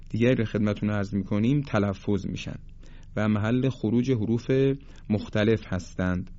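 A man teaching a recorded lesson on Quranic tajweed pronunciation. He speaks formally and politely and slows down to demonstrate letter sounds. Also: medium pitch, a little mellow, dry recording. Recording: dry, dull lo-fi sound.

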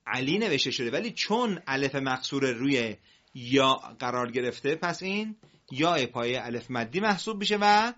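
A man teaching Quran reading on a broadcast, explaining patiently, asking students questions and drawing words out slowly. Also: medium pitch, animated, fairly bright tone, dull audio.

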